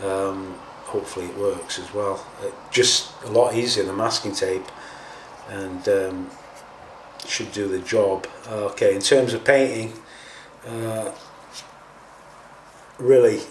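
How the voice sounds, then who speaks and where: A man hosts a casual, hands-on scale model painting tutorial, informal and slightly hesitant as he thinks out loud. His fairly low voice is steady and slow. The mic is distant, giving a roomy sound with faint noise.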